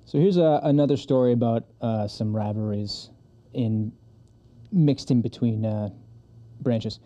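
A man's voice: mid-range voice, unhurried, dark tone. A man co-hosting a podcast, laid-back and profane, telling stories and reading listener comments aloud. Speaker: podcast co-host. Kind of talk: casual chat and reading comments.

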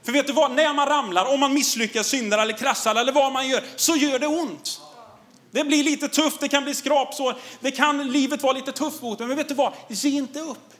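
A man in his thirties, a pastor giving a sermon before a congregation, telling a personal story in an animated way and often laughing. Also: extremely high pitch.

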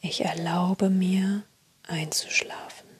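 A woman guiding a sleep meditation in a soft, soothing, breathy spa-like whisper, unhurried. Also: lowish voice, fairly even intonation. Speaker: guided meditation narrator.

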